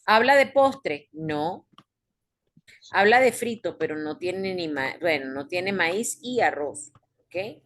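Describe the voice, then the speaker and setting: Her voice is on the low side, animated and a bit bright, and she talks at a slow pace. She's an English teacher giving an online lesson, patiently explaining each step and asking the class questions.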